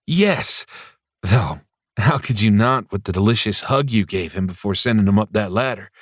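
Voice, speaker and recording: A man's voice: lowish voice, a little fast, no room sound, clean studio sound, close to an everyday voice. A man voicing a playful young male friend who teases in a gleeful, sing-song way. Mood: teasing.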